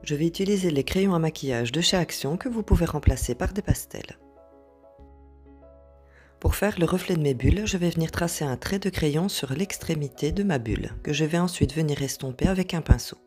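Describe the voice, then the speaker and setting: A woman hosting an art journal tutorial, explaining each step calmly, with occasional hesitations. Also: low-pitched, a little fast, soft background music. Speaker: craft tutorial host.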